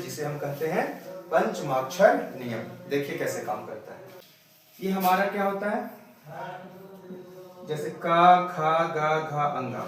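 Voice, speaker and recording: A man teaching a grammar lesson, who asks and answers his own questions and sounds out syllables slowly. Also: fairly high pitch, distant mic. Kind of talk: explaining lesson. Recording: very echoey room, voice off-mic.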